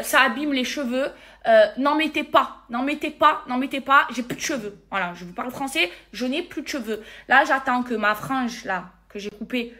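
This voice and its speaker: A woman's voice: high voice, sharp tone. Irritated woman venting emphatically. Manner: emphatic, repeats words and oaths for force. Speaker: social media personality. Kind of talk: casual vlog to followers.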